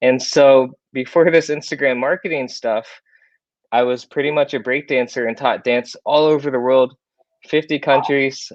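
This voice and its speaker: As a guest presenter, this young man delivers a casual, upbeat webinar full of fillers and chatty asides. Born in South Korea and raised in Iowa, USA, he speaks at medium pitch with a steady tone and moderate pace. The audio is muffled but has no echo.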